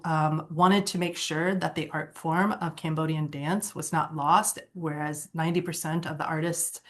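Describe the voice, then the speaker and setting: This workshop presenter, an Ohio woman with a fairly low-pitched voice, runs a board training session for a nonprofit. Her delivery is casual, full of fillers and corrections of herself, and it lights up with enthusiasm once she gets into her personal story.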